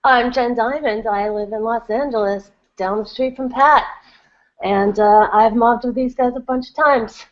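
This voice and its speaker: A woman's voice: fairly high pitch, measured pace. A woman co-hosting a live coding session, chatting casually in short chipper remarks. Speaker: co-host. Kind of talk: casual chat. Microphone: video call. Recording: muffled lo-fi audio.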